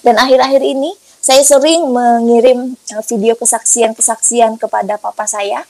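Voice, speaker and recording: A woman recounts her personal faith testimony with a fairly high, breathy-husky voice. She tells the story emphatically and colloquially, repeating herself for effect. She often acts out the lines of the people in her story. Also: normal speed, no room sound, low-quality recording. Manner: animated, emphatic storytelling with acted-out quotes; colloquial and repetitive. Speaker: guest giving a testimony.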